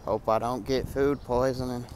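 A young man in his twenties doing a dry, deadpan comedy food review into a close-held phone camera indoors. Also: medium pitch, normal speed, background noise. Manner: dry, deadpan, crude humor. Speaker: comedy vlogger. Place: small indoor laundromat by a window.

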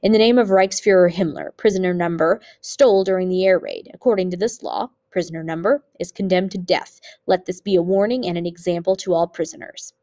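A woman's voice: on the low side, brisk, hardly any pauses, dark tone, natural voice. A woman reading an audiobook, voicing a stern camp official who reads out a death sentence, stressing every word. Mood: stern, formal.

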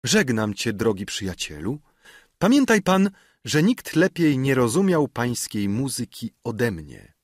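A gracious noble lady voiced by a man reading a storybook speaks high above his own husky voice, stately and tender, her phrases rising and falling with feeling, in a dry, close audiobook recording. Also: big pitch swings, slow pace, no room sound. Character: gracious noble baroness, woman, dignified.

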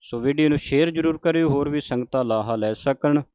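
A man with a smooth, resonant voice speaks very slowly and carefully, chanting verses and then explaining each pause. The sound is dry and close, a little dull and muffled. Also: a little high, dry recording. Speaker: Gurbani teacher. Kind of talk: recitation lesson.

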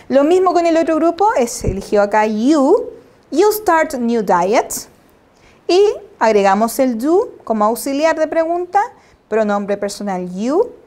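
A woman's voice: high voice, darkish tone. A woman teaching an English lesson, patiently checking understanding and spelling out examples before translating them. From Chile. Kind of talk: slide-based classroom lesson.

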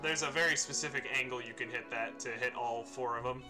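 A man's voice: mid-range voice, fairly even intonation, a little fast, over music. A man streaming a video game, rambling and joking through casual commentary and swearing freely.

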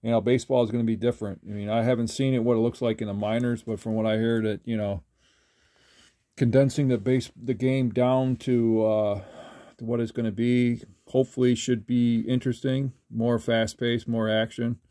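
An older man talking casually while sorting trading cards, rambling with halting restarts. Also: medium pitch, steady tone, mellow, dry recording, studio quality. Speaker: trading card collector. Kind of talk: casual card-flipping commentary. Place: indoors at a table.

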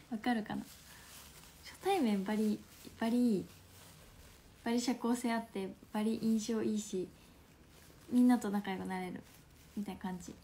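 A woman in her twenties from Fukuoka with a Hakata accent, chatting playfully on a phone livestream at home, laughing often and slipping into soft asides. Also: medium pitch, measured pace, long pauses, a little hiss or hum. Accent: Hakata dialect. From Fukuoka, Japan. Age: 20s. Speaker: livestream host. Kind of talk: casual livestream chat reading viewer comments.

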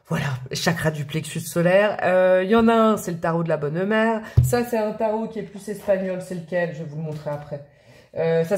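A woman talks through a tarot reading in a loose, chatty way, rambling and filling pauses as she goes. Her voice sits a little low for a woman. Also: a little mellow. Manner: chatty, rambling, with fillers and laughs. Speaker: tarot reader.

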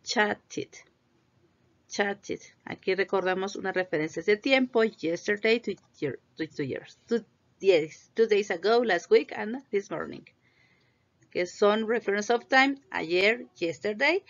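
A woman teaching an English grammar lesson, patiently repeating each word slowly for pronunciation. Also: mid-range voice, expressive. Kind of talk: slow classroom lesson explaining grammar. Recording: dull lo-fi recording.

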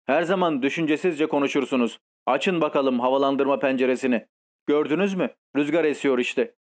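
A man's voice: mid-range voice, brisk, close to an everyday voice. A man reading the lines of an imperious, spoiled old countess in an audiobook, in a scolding, commanding manner.

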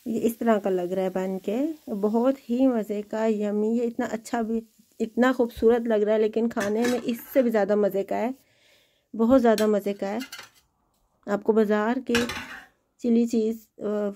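A woman's voice: fairly high pitch, fairly even intonation, normal speed, dark tone, a little hiss or hum, poor audio. A woman hosting a home cooking video, chatting in an encouraging way as she cooks in her kitchen. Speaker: home cooking channel host. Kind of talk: casual cooking demonstration.

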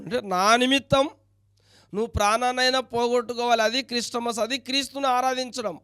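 A man preaches, his voice pitched high and ringing clear. He presses the congregation with quick questions and reads scripture between them. The sound is close and dry, with little room echo. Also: a bit bright. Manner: preaching with rapid rhetorical questions, reading scripture aloud. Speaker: pastor. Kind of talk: sermon.

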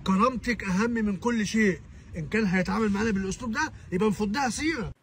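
A man's voice: high voice, rapid-fire, fairly bright tone. An actor with an Egyptian Arabic accent playing a stern, indignant middle-aged father of the bride.

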